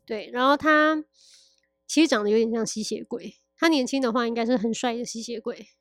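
A woman chatting casually, telling lively anecdotes and laughing often. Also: on the high side, a little fast, no room sound. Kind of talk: casual chat.

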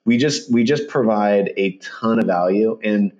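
A man's voice: on the low side, unhurried, a little mellow. Chatty man on dull lo-fi audio. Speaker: podcast guest, startup accounting firm founder. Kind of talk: casual interview talk. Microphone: remote call with headphones.

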